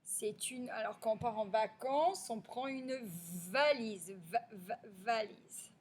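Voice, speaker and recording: A woman's voice: on the high side, fairly even intonation, darkish tone. A woman teaching a phonics review to young children. She stretches out the words and drops to a near whisper on the answers. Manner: slow, stretched-out sounding of syllables.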